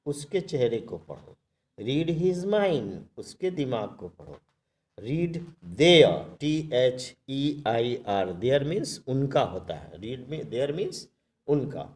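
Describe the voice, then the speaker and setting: Male English teacher, very slow and careful, mellow dark tone, spells words out. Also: medium pitch. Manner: says English phrases very slowly, then explains in Hindi; calm, even speaking voice. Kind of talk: spoken English lesson.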